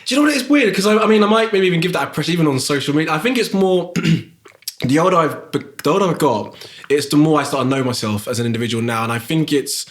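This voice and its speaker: A man's voice: fairly high pitch, lively intonation, fast talker. A man in his thirties with a South London accent, a guest in a podcast interview, talking reflectively with many fillers and restarts. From England. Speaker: guest, graphic designer.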